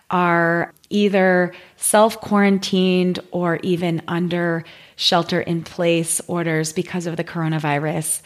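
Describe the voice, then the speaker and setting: Woman podcast host in an echoey empty room. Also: lowish voice. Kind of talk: warm conversational podcast hosting. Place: empty room in a new home.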